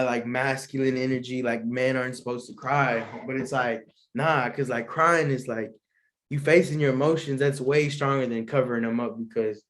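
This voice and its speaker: Rambling, slangy young man chatting. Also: mid-range voice. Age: young adult. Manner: rambling and slangy, full of fillers and asides. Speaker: podcast host. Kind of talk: casual solo chat answering questions.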